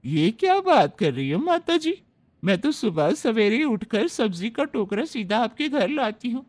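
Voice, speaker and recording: A woman voicing a loud, defensive vegetable-seller woman protesting an accusation. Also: a little high, big pitch swings, measured pace, no echo, pitched above the performer's own voice. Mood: indignant.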